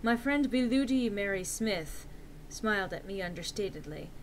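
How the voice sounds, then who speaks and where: A woman's voice: medium pitch, slight background noise, poor audio. A woman giving a dramatic reading of fan fiction with the theatrical delivery of a hammy stage actor. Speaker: reader.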